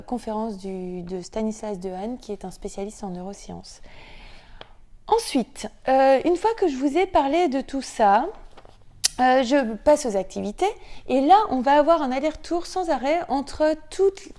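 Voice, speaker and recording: A woman teacher presenting reading tools in a tutorial, hesitant, with many fillers and restarts, slowing down to chant syllables in her demonstrations. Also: on the high side, dark tone.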